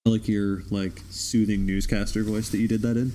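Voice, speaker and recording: A man co-hosting a casual movie commentary, making dry, offhand dark jokes. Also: on the low side, level tone, normal speed, a little hiss or hum. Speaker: commentary track co-host.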